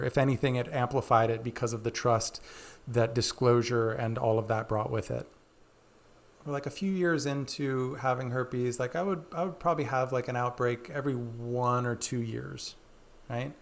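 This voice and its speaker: Man, candid coach voice, middle pitch, open and earnest. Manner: earnest, open, chatty with many likes. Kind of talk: candid personal storytelling.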